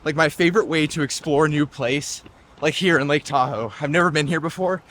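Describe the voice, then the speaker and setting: This twenty-something running vlogger has a fairly high, fairly bright voice and speaks fairly quickly, with a little hiss or hum in the audio. Jogging an outdoor trail, he keeps up cheerful, casual chatter peppered with "like" and "just," occasionally winded.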